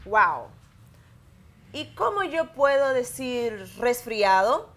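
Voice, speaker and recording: A Dominican woman in her thirties teaches English to schoolchildren in a televised lesson, speaking with a Dominican Spanish accent. She talks very slowly and clearly, with a slightly high voice. She models each sentence so students can repeat it. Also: very animated, a bit bright, faint music behind. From Dominican Republic. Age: 30s. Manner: slow, clear bilingual explaining, modelling words for repetition.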